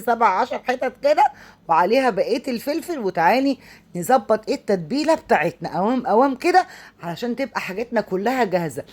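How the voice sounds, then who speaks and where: A woman with an Egyptian accent hosting a cooking tutorial, chatty and exclaiming often as she talks viewers through a recipe. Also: a little high. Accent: Egyptian Arabic. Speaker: cooking show host.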